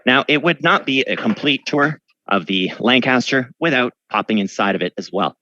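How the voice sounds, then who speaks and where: A man's voice: medium pitch, expressive, moderate pace, bright, forceful tone, no room sound. Guy doing a museum tour, earnest storyteller, dry muffled lo-fi audio. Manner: earnest, solemn retelling of a wartime story.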